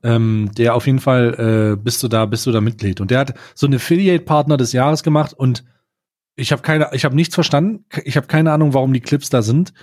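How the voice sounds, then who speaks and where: A man's voice: mid-range voice, brisk, darkish tone, no echo. A man co-hosting a casual podcast, with dry, mock-formal ironic remarks. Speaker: podcast co-host. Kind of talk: casual banter.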